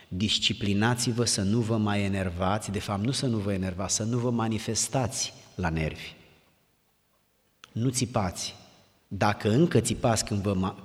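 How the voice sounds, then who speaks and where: A low-voiced man preaching an earnest sermon. He exhorts his listeners and keeps repeating his commands. The voice rings with long reverb in a church hall. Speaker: pastor. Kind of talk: sermon to young people.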